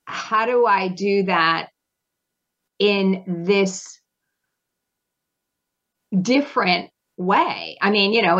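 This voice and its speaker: A woman's voice: medium pitch, dull audio. A woman guest on a radio interview, talking thoughtfully and posing questions to herself aloud.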